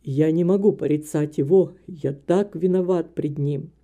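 A guilt-stricken old father speaks in a lowered, heavy voice, pleading for forgiveness in an audiobook, as a woman reader puts him on. His tone is dark and mellow. Each phrase sags under remorse. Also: measured pace. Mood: remorseful. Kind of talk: audiobook character reading.

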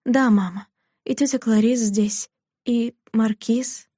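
A woman's voice: a little high, fairly even intonation, slow, warm tone, no room sound, clean studio sound. Woman voicing a tearful young daughter. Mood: pleading. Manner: pleading and tearful. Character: tender, distressed young daughter.

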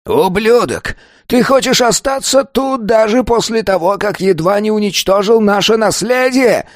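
A man voicing a furious old male sect elder who shouts accusations in a strained, high voice. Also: a little slow, no echo, clean studio sound.

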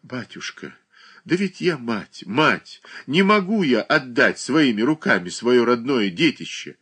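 A man's voice: mid-range voice, big pitch swings, measured pace, fairly bright tone, slightly rough, voice pushed up, exaggerated voice. A man reading an audiobook, voicing an anxious, tearful aging mother who laments and pleads. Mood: pleading. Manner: plaintive, lamenting.

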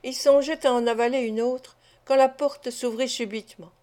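A woman reads a classic novel aloud as an audiobook narrator, measured and even in her storytelling. Her voice sits somewhat high and stays clear. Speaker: audiobook reader. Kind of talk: scripted narration.

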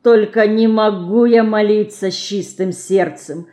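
A sorrowful pious peasant woman speaks slowly and heavily in an audiobook, as a woman reader puts her on. Her tone is mournful and stern, with grave, measured phrasing. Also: medium pitch, fairly even intonation, mellow, close to an everyday voice.

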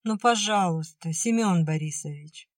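A woman doing a gentle, pleading young woman. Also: on the low side, unhurried, dry recording, studio quality. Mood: tearful. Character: gentle, pregnant young woman, soft-hearted.

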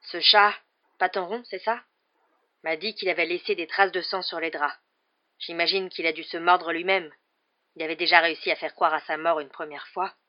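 A hoarse, haunted escaped man, as a woman reading a storybook puts him on, speaking in a rough low voice. The recording sounds dull and muffled. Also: steady tone, normal speed, natural voice. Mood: grim.

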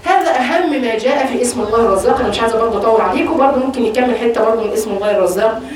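Egyptian lady teaching a religious class, high quick voice, sounds far off in a big echoey room. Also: slight background noise. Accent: Egyptian Arabic. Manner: lively, asks the audience questions and answers them herself. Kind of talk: religious lesson to women.

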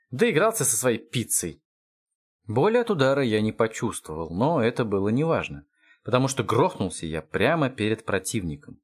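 A man reading an audiobook with wry, expressive scripted narration. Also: medium pitch.

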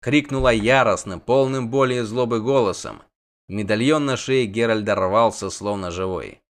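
A man reading a fantasy novel aloud as audiobook narrator, in a steady storytelling manner. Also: mid-range voice, moderate pace. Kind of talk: scripted narration.

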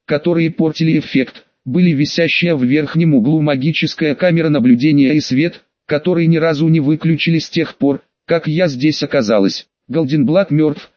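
A man narrating an audiobook in a steady, even reading voice. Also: a little high, a little fast, hardly any pauses, dry recording. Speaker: audiobook reader. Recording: dull, dry audio.

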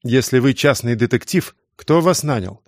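A man reading aloud as a strict middle-aged schoolteacher woman who can turn shrill and sharp in an instant. Her firm, teacherly tone sits high, recorded close and dry with no room around it in an audiobook. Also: animated, moderate pace, no echo, lightly acted. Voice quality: shrill when shouting. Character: stern middle-aged female schoolteacher, volatile.

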